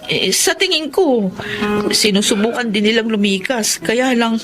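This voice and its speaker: An actress playing a friendly village neighbor in an audio drama, speaking plainly. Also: female voice, fairly high pitch, expressive, a little slow, music in the background. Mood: sorrowful. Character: village woman, neighbor who talks plainly.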